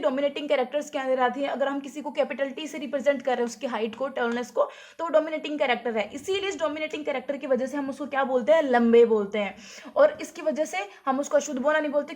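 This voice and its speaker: High-voiced woman teaching a class. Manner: asks rhetorical questions then answers them; repeats key points often. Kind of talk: whiteboard lesson.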